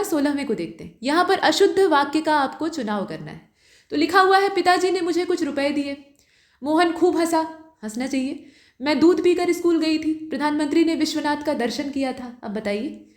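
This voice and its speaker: A woman with a high voice works patiently through exam questions as a tutor, stopping now and then to ask the listener a question. The sound is roomy, with a clear echo around her. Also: expressive, normal speed. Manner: patient, explanatory, asks rhetorical questions. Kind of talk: explaining test questions.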